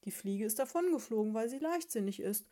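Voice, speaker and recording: A woman voicing a calm, friendly male chanterelle mushroom in a storybook, quick and matter-of-fact. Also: fairly high pitch, lightly acted.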